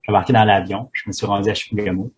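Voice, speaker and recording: A man's voice: lowish voice, level tone, rapid-fire, slightly rough. A man, a pharmacist guest speaking in a hesitant way with many fillers and restarts. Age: 30s. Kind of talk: casual interview talk.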